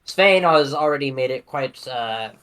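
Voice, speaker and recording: A man's voice: mid-range voice, lively intonation, unhurried, a bit bright, clear, resonant tone. Rambling man playing a tabletop game. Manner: hesitant, rambling with many fillers. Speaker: player. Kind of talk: casual tabletop role-play.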